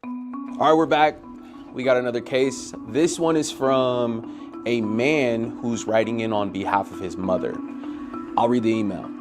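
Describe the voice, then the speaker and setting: A man hosting a show, talking casually to camera in a relaxed, plain-spoken way. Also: mid-range voice, measured pace, over music. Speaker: show host. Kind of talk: casual host talk to camera.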